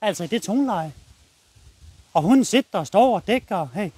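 Blunt high-voiced Danish dog trainer. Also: male voice, animated, dark tone, husky, dry recording. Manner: blunt, casual, addresses viewers while walking the dog. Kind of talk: outdoor training demonstration. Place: outdoors, walking a dog.

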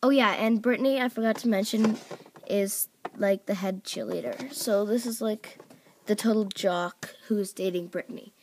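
Off-camera, a channel host with a medium-pitched voice talks at a moderate pace over some background noise, presenting toys on a table at home for voice auditions. Her delivery is loose and chatty, peppered with "um" and "like," and she keeps fixing what she just said. The audio comes from a phone or camera microphone.

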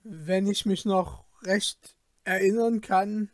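Man voicing a nervous judge, hesitant, slow, kinda high. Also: no echo. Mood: fearful. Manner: hesitant and fearful. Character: fearful male police judge.

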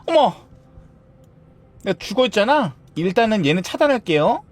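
A man chatting as he streams a game, playful and theatrical. His voice sits fairly high and leaps all over the place, from squeals down to gruff mock scolding. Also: huge pitch swings, moderate pace, no room sound. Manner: playful, theatrical, swings between shrieks and mock-stern grumbling. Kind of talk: casual game streaming chat.

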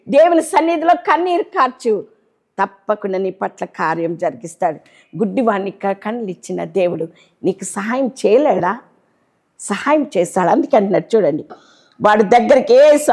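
Fervent woman preacher, pleading. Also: a little high. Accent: Telugu. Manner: pleading, swings between loud exhortation and hushed tones. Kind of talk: sermon.

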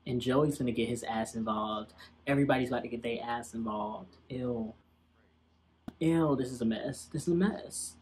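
A man's voice: mid-range voice, normal speed, a little mellow, slight background noise. A young man giving casual, slangy and sassy commentary as he reacts to an old TV episode.

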